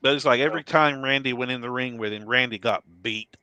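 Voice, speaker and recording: A man's voice: mid-range voice, quick pace, sharp tone, smooth, no room sound. A man co-hosting a podcast in casual chat, telling anecdotes and laughing often. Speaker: podcast co-host.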